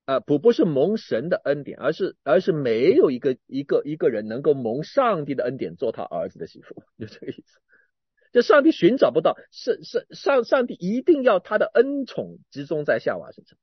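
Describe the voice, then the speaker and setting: In this sermon, a man with a husky, swooping voice keeps going back over his words, building to emphatic peaks before dropping into quiet side remarks. His pace is a little fast, and the recording is dull and dry without room sound.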